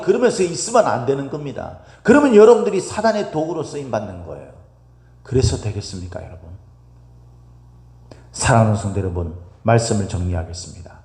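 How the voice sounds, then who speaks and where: A man preaching an early morning sermon as pastor, animated and asking the congregation rhetorical questions. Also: mid-range voice. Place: church sanctuary. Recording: echoey hall with long reverb.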